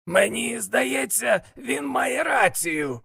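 A man's voice: extremely high pitch, lively intonation, slow pace, gravelly, pushed and bright, slightly rough, voice pushed up, heavily acted. A man voicing a wary male imp henchman who grumbles and hisses, in an audiobook. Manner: grumbling, hissing.

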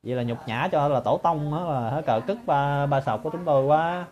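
A man's voice: on the high side, fairly quick, a little mellow, lo-fi sound. A man giving a sarcastic, mocking monologue to his viewers. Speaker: political commentator.

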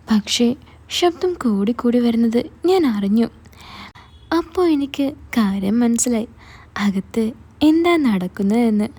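A woman narrating a first-person dramatic story in a steady, earnest way. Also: on the high side, husky.

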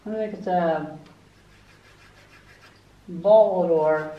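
A vlogger exploring a basement narrates casually while poking around a cluttered boiler room, talking technically with lots of fillers. Her voice is lowish and very slow. The echoey basement comes through dull camera audio with a faint hiss.

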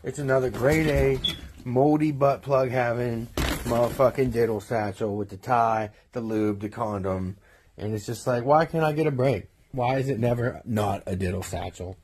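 An excitable man narrates phone footage inside abandoned houses, swearing nonstop. His voice is husky and breathy, and his pitch is about average. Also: moderate pace. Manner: crude, excitable, heavy swearing. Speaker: social media creator. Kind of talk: profane vlog narration over phone clips.

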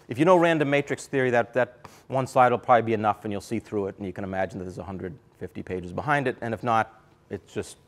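A middle-aged man delivers a keynote in a lecture hall, speaking conversationally and thinking aloud with frequent fillers. His pitch sits in an ordinary middle range, picked up on a clip-on mic. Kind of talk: academic lecture.

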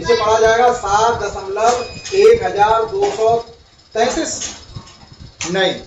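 A male primary school teacher giving a classroom lesson, asking his pupils questions and repeating their answers. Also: sits high. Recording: roomy, far-off, dull, slightly noisy.

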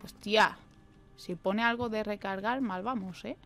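In an unhurried, medium-pitched voice with vocal fry and a slightly bright tone, a young woman with a Spanish accent from Spain narrates her horror gameplay live. As a streamer, she curses a lot and chats with the characters in the game.

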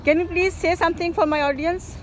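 A woman's voice: very high voice, fairly even intonation, extremely slow, slight background noise, low-quality recording. A middle-aged woman vlogging outdoors in a park, chatty and cheerful, filming herself on a handheld phone camera and switching between English and Hindi. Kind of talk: casual vlog chat.

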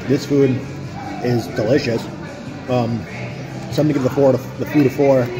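A man in his 30s casually reviews food in a booth at a pub restaurant, holding his phone at arm's length. His mid-range voice is steady and moderately paced, upbeat and chatty, rambling with fillers, and the rough recording has music underneath.

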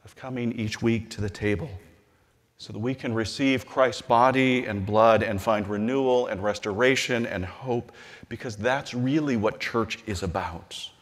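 A middle-aged man, a bishop, delivering a measured, earnest sermon-style address from a lectern in a large hall. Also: medium pitch. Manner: measured and earnest, slowing and softening on scripture.

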